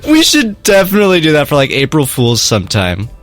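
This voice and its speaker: A man's voice: a little high, fairly quick. A young man co-hosting a let's play, chatting casually and jokily while he thinks through a mystery game, laughing often. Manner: animated, jokey, laughs often. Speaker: let's play co-host and editor. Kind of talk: casual gameplay chat.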